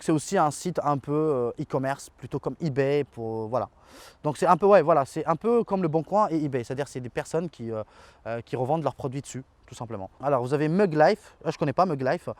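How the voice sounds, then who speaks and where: A man's voice: fairly high pitch, darkish tone, no room sound. A man, chatting casually as a tech video host reading viewer comments, loose and informal with frequent fillers and slang. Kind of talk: casual chat.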